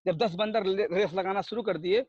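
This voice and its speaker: A man speaking at normal speed, his high voice a little mellow, delivers a motivational talk at a network marketing meeting. He tells stories, acts out dialogues, and peppers the audience with rhetorical questions; the recording is dry and muffled.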